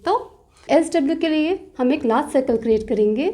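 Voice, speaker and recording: A woman teaching shorthand step by step, patiently repeating rules and slowly drawing out example words, with terms. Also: high voice, lively intonation, mellow, slight background noise. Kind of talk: step-by-step tutorial explanation.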